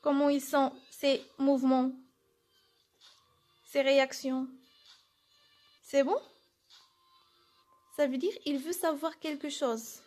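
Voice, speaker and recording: A woman's voice: high-pitched, fairly even intonation, slow, pauses often, a little mellow, soft background music. A woman teacher giving a lesson, explaining step by step and answering her own questions. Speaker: French teacher. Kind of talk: classroom lesson.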